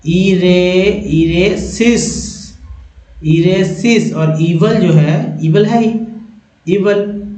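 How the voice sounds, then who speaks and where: Indian male teacher, high-pitched and unhurried, drawing out each syllable as he spells. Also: darkish tone, roomy sound, low-quality recording. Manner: repeats words slowly, syllable by syllable. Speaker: English teacher. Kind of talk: classroom spelling lesson.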